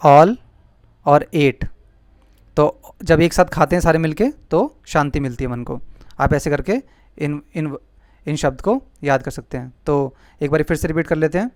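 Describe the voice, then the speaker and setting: A man's voice: on the high side, unhurried, pauses often, darkish tone, no room sound. Dry-voiced man teaching vocabulary. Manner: explanatory, repeats words, asks "ठीक है?". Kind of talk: mnemonic vocabulary lesson.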